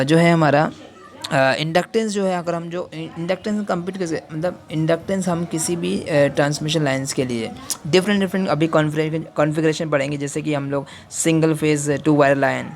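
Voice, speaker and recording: Man teaching, answering his own questions. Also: a little high. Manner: asks the class questions and answers them himself; hesitant, with fillers and restarts. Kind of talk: electrical engineering lecture.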